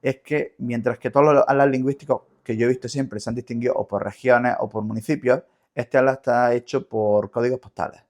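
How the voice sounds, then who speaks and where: A man's voice: medium pitch, steady tone, a little fast, few pauses, darkish tone. A man with an Andalusian Spanish accent explaining things didactically as a linguist in an interview, often repeating words as he searches for the next. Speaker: linguist guest.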